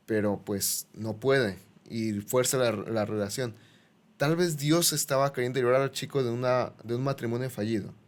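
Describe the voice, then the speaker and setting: Un hombre en un pódcast que comenta con calma y reflexiona con ejemplos. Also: male voice, medium pitch. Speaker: podcast co-host. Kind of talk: casual reflective chat.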